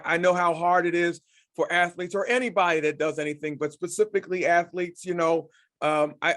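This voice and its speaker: Male podcast host, higher register, casual and affirming. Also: a bit bright. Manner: affirming, backchannels with frequent "yeah". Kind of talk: casual interview chat.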